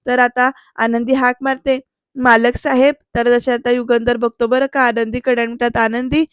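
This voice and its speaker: A woman walks viewers through a TV serial episode in a chatty, storytelling way, addressing them directly. Her voice is smooth and clear and sits fairly high. It sounds dry and close. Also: level tone, fairly quick, no echo, muffled recording. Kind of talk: chatty episode recap narration.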